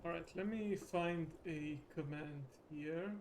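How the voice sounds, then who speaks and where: Slow, creaky-voiced man commentating. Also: fairly high pitch, a little mellow, a little hiss or hum. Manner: halting, unhurried. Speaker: game streamer giving a lore recap. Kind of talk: casual gameplay commentary.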